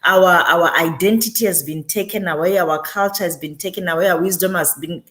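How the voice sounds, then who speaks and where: A woman's voice: fairly low pitch, fairly quick. A woman guest, a community developer and author, talking reflectively in an interview and driving points home by repeating phrases. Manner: emphatic, repeats phrases for weight.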